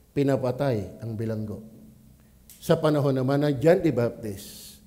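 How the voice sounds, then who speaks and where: A man with a Batangas accent, a pastor preaching at a church prayer meeting, swinging from quiet asides to loud exclamations. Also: mid-range voice. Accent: Filipino, Batangas.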